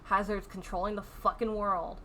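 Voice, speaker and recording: A woman's voice: medium pitch, flat delivery, normal speed, sharp tone, a little hiss or hum. A woman vlogging about a painful personal story, stressed and upset, swearing heavily, sighing often and rambling with fillers. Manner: heavy swearing, frequent sighs, rambling with fillers. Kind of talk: candid personal storytelling vlog.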